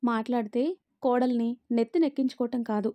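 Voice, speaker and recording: A woman voicing a bitter, sharp-tongued middle-aged mother-in-law who scolds and taunts in a raised voice. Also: fairly high pitch, steady tone, fairly quick, natural voice. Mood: scornful.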